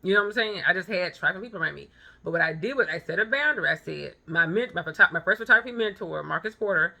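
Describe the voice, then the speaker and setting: Low, creaky and fast, yet bright and forceful, this expressive voice belongs to a vlogger and photographer in her thirties. She gives a blunt motivational monologue, telling personal stories and repeating phrases for emphasis.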